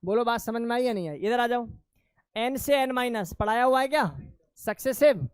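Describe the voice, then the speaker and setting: A man's voice: extremely high pitch, moderate pace, smooth, dry recording. A male chemistry teacher lecturing in a classroom. He keeps asking his students questions, answers them himself, and calls them "beta".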